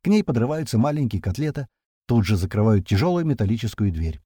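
A man's voice: mid-range voice, big pitch swings, dark tone, husky, dry recording, clean studio sound. A man narrating a first-person war story in slangy, swearing action prose. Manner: slangy, swearing, fast-moving action telling. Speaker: audiobook narrator.

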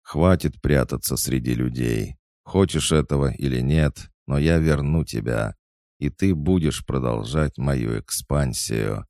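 Guy doing a creepy mocking kid brother, gravelly, slow and sneery. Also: rumbling low, darkish tone, no room sound, clean studio sound, pitched above the performer's own voice, exaggerated voice. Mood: menacing. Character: creepy taunting boy, a dream-haunting brother.

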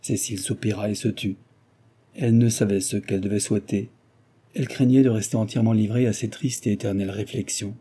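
Deep, husky male audiobook narrator. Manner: measured, even storytelling. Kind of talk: literary audiobook reading.

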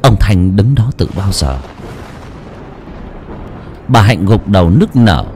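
A man narrating a ghost story in a slow, ominous, dramatic style. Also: low-pitched, very animated, darkish tone, faint music behind. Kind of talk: scripted horror narration.

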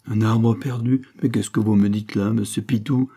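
A man's voice: lowish voice, steady tone, moderate pace, mellow. Man voicing a proud young farm girl. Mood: flustered. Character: young peasant woman, proud then shaken.

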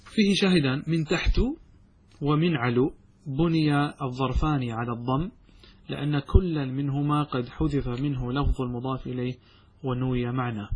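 A man teaching a classical Arabic grammar lesson, who explains by asking and answering his own questions and recites verses slowly. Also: medium pitch, steady tone, a little mellow, slightly rough.

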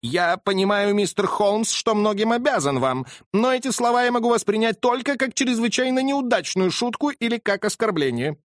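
A man voicing an excitable aristocratic old colonel who exclaims and protests in an agitated manner. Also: high voice, brisk, no room sound, studio quality, pitched above the performer's own voice. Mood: indignant.

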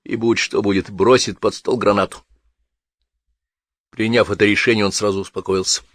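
A man with a fairly low voice reads a story in a measured, steady way. The recording is close and dry, with no room sound around him. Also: dry recording. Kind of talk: scripted narration.

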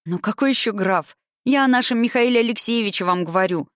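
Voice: mid-range voice, brisk, no room sound, natural voice. Brief: reader playing a giddy young bride, eager and breathless, dry recording. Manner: eager, breathless, rising excitement. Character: impulsive young noblewoman in love. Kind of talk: audiobook reading.

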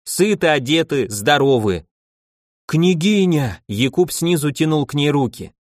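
A man narrating an audiobook in a measured, even storytelling manner. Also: on the high side, no echo, studio quality.

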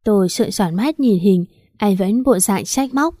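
A woman narrating a first-person story in a plain, steady reading. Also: medium pitch, measured pace, no room sound, clean studio sound.

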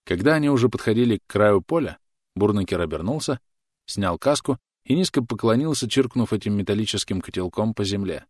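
A man with a lowish voice narrates an audiobook in a measured, even storytelling style. It's scripted narration, recorded at studio quality with no room sound.

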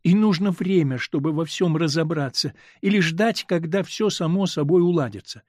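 A man voicing a torn, gentle woman. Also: on the high side, normal speed, no echo, clean studio sound, close to an everyday voice. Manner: earnest, wavering, pleading. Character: gentle, confused woman torn between two men.

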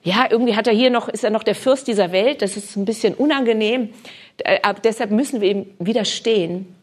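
A woman's voice: medium pitch, a little fast. A woman preaching fervently at a healing service, often dropping to a whisper and repeating hallelujah. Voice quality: breathy, often drops to a whisper. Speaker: preacher leading a healing prayer session. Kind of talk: charismatic sermon and prayer ministry.

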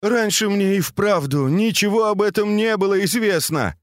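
Reading aloud in a high voice at a moderate pace, a man voices a terrified male servant who timidly pleads and explains, his mood nervous. The pitch sits above his own voice yet stays close to everyday speech, with clean studio sound and no echo.

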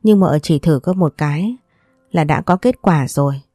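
A woman's voice: sits low, moderate pace, dry recording, studio quality, faint music behind. A woman voicing a kind young mistress of a wealthy house, soothing and coaxing as she speaks. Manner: gentle, soothing, persuasive.

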